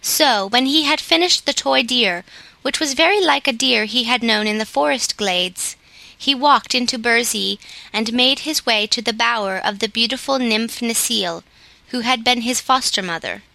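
Bright-voiced woman reading a storybook. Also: on the high side, normal speed, vocal fry, no echo. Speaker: audiobook reader. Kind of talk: storybook narration.

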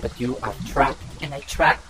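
An actor playing a pompous villainous schemer, speaking in theatrical mock-archaic bombast. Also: male voice, medium pitch, normal speed, crowd noise, close to an everyday voice, rough recording. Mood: scheming. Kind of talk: audio drama acting.

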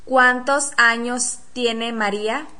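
Woman teacher, bright and slightly high voice, very slow careful drill delivery. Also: steady tone, clear, resonant tone. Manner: careful, deliberate, model-sentence delivery. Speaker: language teacher. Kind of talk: slow, clearly articulated pronunciation drill.

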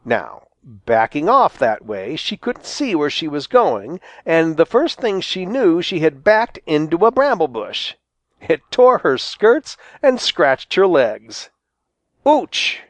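A man reading a children's storybook aloud with a lively, expressive delivery. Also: on the high side, slow, no echo. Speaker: volunteer audiobook reader. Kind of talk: storybook narration.

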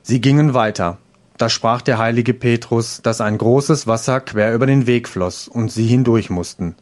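A man narrating a classic fairy tale as an audiobook. His telling is steady and even. The voice sits in a middle pitch for a man. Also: moderate pace. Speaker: reader.

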